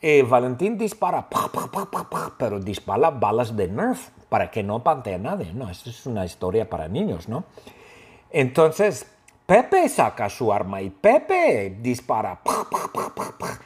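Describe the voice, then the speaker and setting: A man telling a simple story for language learners, lively and playful, with his own sound effects. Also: medium pitch. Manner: animated, makes gun sound effects. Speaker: language teacher.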